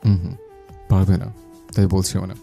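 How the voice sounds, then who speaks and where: A man playing a deep, loving young husband. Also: flat delivery, moderate pace, gravelly, mellow, soft background music. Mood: teasing. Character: young male professor husband, affectionate. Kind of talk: audio drama dialogue.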